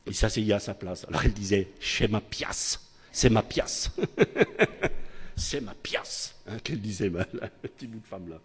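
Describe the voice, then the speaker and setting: An older man with a low, husky voice delivers a sermon, his pitch rising and falling widely as he talks. He preaches conversationally, keeps checking in with his congregation and restarts his phrases. His voice rings with the long reverb of a church hall. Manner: chatty preaching, many tag questions, restarts.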